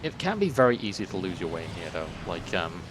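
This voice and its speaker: A man's voice: deep voice, sing-song, quick pace, noisy background. A man giving casual, sweary commentary while he plays a game, joking with viewers. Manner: sweary, jokey, chatting to viewers while playing. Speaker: let's play host. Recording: voice over loud game sounds.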